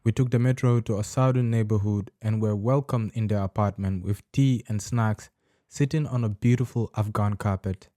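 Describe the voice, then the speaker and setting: A man hosting a podcast, reading scripted documentary narration in a measured, explanatory way. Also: lowish voice, fairly even intonation, mellow, no echo, studio quality.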